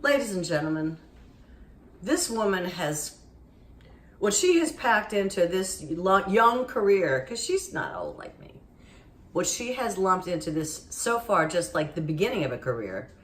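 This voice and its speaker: A woman's voice: on the low side, big pitch swings, a little slow, roomy sound. A woman hosting a cooking show, playful and jokey, introducing her guest and chatting in a kitchen. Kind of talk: lively show host introduction and kitchen chat. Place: studio kitchen.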